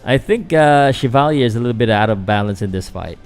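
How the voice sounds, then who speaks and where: Soft music plays behind a young Filipino boxing commentator and channel host as he covers a fight live, brisk and expressive in a clean, medium-pitched voice. The talk stays casual and hesitant, crowded with fillers, and he responds to chat throughout.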